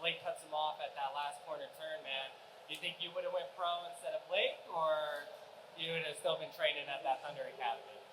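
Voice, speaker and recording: A fan asking a casual, eager question from the audience at a convention panel. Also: male voice, on the high side, fairly even intonation, brisk, echoey room, background noise.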